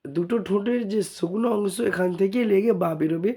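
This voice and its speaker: A man from India with a Bengali accent teaching Arabic letters, repeating each sound several times in a slow spoken lesson. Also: high voice, mellow, husky.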